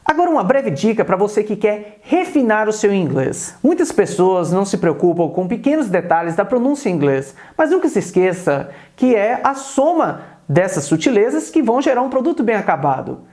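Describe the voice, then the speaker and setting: Professor brasileiro animado de pronúncia. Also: male voice, high-pitched, big pitch swings, darkish tone. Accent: Brazilian Portuguese. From Brazil. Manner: repeats example words slowly and deliberately. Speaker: English teacher. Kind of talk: video lesson on English pronunciation.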